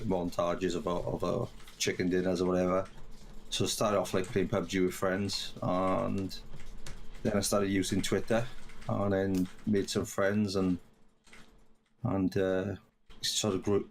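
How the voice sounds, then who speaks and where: A man's voice: deep voice, level tone, moderate pace, slight background noise. A man with a South Wales accent from around Swansea, chatting casually as a guest streamer on a podcast. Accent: South Wales, Swansea area. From Neath, South Wales. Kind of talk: casual chat.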